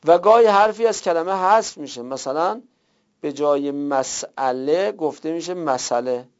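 A man teaching a class, explaining step by step with worked examples and rhetorical questions. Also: high-pitched. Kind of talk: classroom lecture. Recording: dull lo-fi recording.

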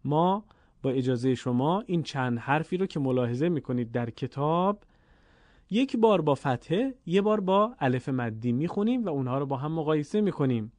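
A man's voice: fairly high pitch, expressive, darkish tone, dry recording. A man with a Persian accent teaching Quranic Arabic vowel lengths, patiently drawing out each sound in a classroom-style lesson. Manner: patient, repeats sounds slowly and deliberately.

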